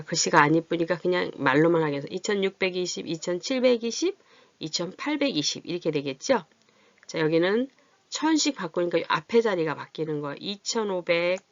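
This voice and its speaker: This woman speaks at a fairly low pitch in a dry recording that is also dull and lo-fi. Teaching adult literacy, she leads a math lesson on how large numbers are read and written, patiently asking her learners if they're keeping up and slowly drawing out her counting while writing on the board.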